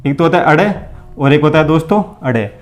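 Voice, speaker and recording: Talking fast with lively intonation, a male teacher with a higher voice runs a blackboard exam-prep lesson. His drills are call-and-response, with each question and answer repeated, and he keeps calling the listeners friends.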